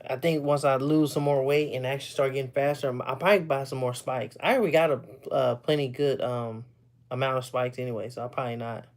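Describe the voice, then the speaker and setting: A man from Texas chatting casually with viewers. He is short of breath, rambles loosely, often clears his throat, and pauses to catch his breath. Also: medium pitch, steady tone. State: short of breath, stops for air. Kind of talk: casual chat.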